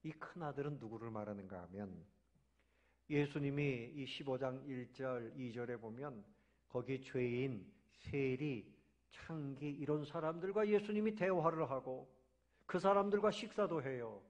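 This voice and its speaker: A man preaching a sermon as pastor, swinging between loud emphatic swells and soft low drops, sometimes acting out voices in his story. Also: a little slow, muffled recording. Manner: acts out dialogue voices of the sons and father.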